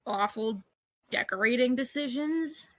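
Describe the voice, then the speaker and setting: A woman's voice: on the high side, unhurried. Chatty woman on a gaming stream. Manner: chatty, swears, tells stories. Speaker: streamer co-player. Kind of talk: casual chat over a gaming stream.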